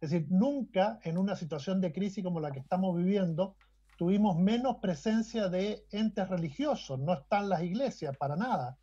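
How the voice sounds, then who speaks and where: A man hosts a panel, his voice pitched fairly high. He argues his point and interjects on the others. The sound is dull and lo-fi. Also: animated, normal speed, warm tone, husky. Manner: argumentative, interjecting. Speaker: host. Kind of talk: panel discussion.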